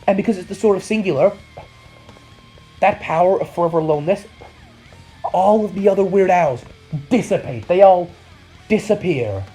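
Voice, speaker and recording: A man's voice: sits high, normal speed, pauses often, husky, faint music behind, rough recording. Man telling a mock-epic online saga. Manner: swings between excited yelps and mock-solemn mutters. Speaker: YouTuber. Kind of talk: comedic storytelling vlog.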